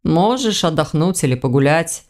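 A calm, thoughtful male investigator who speaks slowly and evenly in an audiobook scene, as a woman reads him. The voice is pushed lower and held back, measured and unhurried. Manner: slow, lowered, measured delivery.

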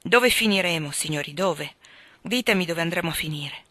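A woman's voice: fairly low pitch, lively intonation, normal speed, pushed and bright, dry recording. A woman reading aloud, voicing a ruined young nobleman who gambled away his fortune, dejected and pleading. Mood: agitated.

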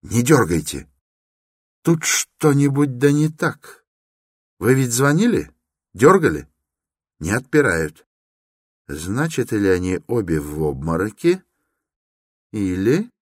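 Eager young man, voiced by a male reader, insistent, lively rising tone, dry studio. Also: medium pitch, takes it slowly, long pauses, dry recording, voice pushed up. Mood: excited. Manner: urgent, insistent, explaining. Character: eager excitable young man, law student.

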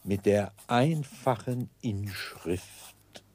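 In a 1960s radio play, an actor portrays a pompous, theatrical middle-aged debtor clerk in despair, declaiming in florid oratory. His male voice is fairly low and darkish in tone, delivered extremely slowly, with a solemn, grandiose mood.

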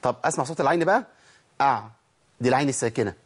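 A man's voice: mid-range voice, expressive, racing, slightly rough. A man with an Egyptian accent teaching a tajweed lesson, asking questions and answering them himself while demonstrating letter sounds. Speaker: Quran recitation teacher.

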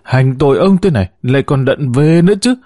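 A man's voice: on the high side, big pitch swings, a little fast, dark tone, no echo, studio quality, pitched above the performer's own voice. A man voicing a panicky, hot-tempered middle-aged male geologist who complains shrilly and in a rush. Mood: whining.

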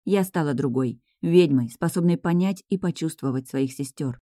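Low, mellow female audiobook narrator, dry close sound, first-person storytelling. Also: moderate pace, dry recording.

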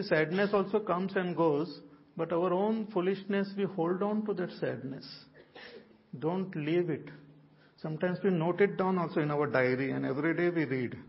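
Man, North Indian accent, high-pitched voice, spiritual discourse, emphatic repetition, Hindi-English mixing, dull low-fidelity recording. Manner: repeats key words for emphasis; slips between English and Hindi. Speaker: spiritual teacher. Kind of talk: religious discourse explaining Sanskrit terms to listeners. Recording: dull lo-fi audio.

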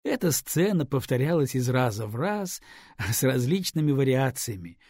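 A man narrating an audiobook in an expressive storyteller manner. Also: medium pitch, normal speed, no echo, clean studio sound. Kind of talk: scripted narration.

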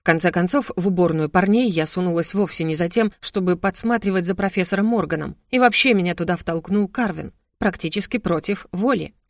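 A woman reading a comic fantasy novel aloud in the first person, with a lively, wry, embarrassed storytelling manner. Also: lowish voice, fairly quick, few pauses, no echo, clean studio sound. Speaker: audiobook narrator. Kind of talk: first-person audiobook narration.

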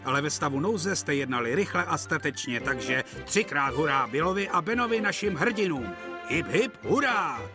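A jolly, stout railway boss hands out orders and praise , played by a man. His voice rides raised and lively over music, cartoon-style. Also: a little high, close to an everyday voice. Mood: cheery.

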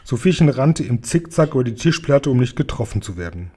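Man, storybook narrator, reading aloud for a child, mellow dark tone, lively. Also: mid-range voice, fairly quick, slightly rough. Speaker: reader.

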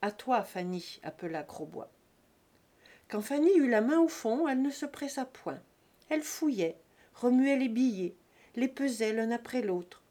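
Lady reading a novel out loud, dramatic and measured, kinda high. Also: lively intonation. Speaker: audiobook reader. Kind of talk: expressive novel narration.

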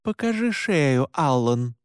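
A man's voice: high voice, lively intonation, normal speed, no echo, studio quality, pitched above the performer's own voice. A man reading an audiobook and voicing a stern, furious middle-aged mother who gives harsh orders. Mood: commanding. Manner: harsh, commanding.

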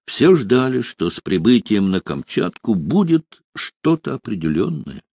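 A man narrating an audiobook in an expressive, varied manner. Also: lowish voice, a little slow, vocal fry, slightly rough, dry recording.

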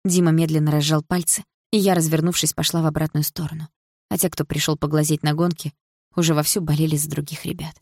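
A woman reading a first-person audiobook expressively, with sharp rises on emotional lines. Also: deep voice, quick pace, no room sound, clean studio sound. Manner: expressive, rising sharply on outbursts. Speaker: audiobook narrator.

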